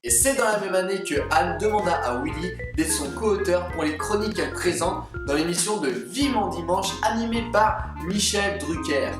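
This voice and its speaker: A young woman narrates a video in a chatty, playful way, stretching words for effect. She sounds roomy and distant from the mic, with loud music behind her. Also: fairly low pitch, moderate pace, hardly any pauses. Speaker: video host.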